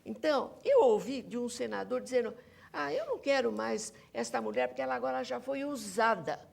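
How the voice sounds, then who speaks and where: A Brazilian woman, a researcher and author appearing as an academic guest on a panel, speaks emphatically, insisting on her points and repeating them. Her voice is a little high, expressive, fairly quick, creaky, and slightly mellow.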